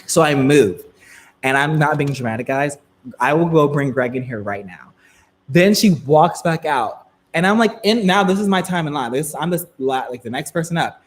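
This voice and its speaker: A man in his twenties telling a story to a live chat in a casual, filler-heavy way. He laughs often and swings between loud and soft. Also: fairly high pitch, expressive, moderate pace. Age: 20s.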